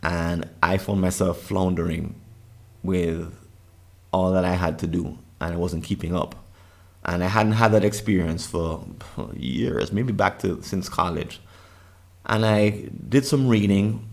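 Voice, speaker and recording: With a low voice that is gravelly and a little mellow, this middle-aged man with a Jamaican accent earnestly leads a summit session. His delivery features frequent restarts and repeated words.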